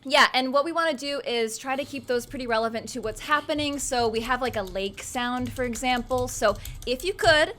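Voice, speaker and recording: Bright, chatty woman co-host. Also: high-pitched, moderate pace, few pauses, slight background noise. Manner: chatty and friendly. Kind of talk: explaining game rules to a live stream.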